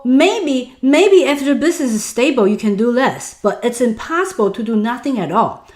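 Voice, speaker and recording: A Taiwanese woman in her thirties, a native Mandarin speaker with a Taiwanese accent, presents a webinar on online selling, explaining earnestly and animatedly and asking viewers to type responses in the chat. Her voice is fairly high and reverberant.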